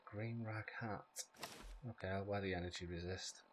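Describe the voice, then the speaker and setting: A man with a low voice talks through a video game in a casual, unpolished way, swearing freely and thinking aloud. Clear noise and clicking sit behind his voice. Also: fairly even intonation, moderate pace. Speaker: gaming video host. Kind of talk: casual gameplay commentary. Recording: clearly noisy background with clicks.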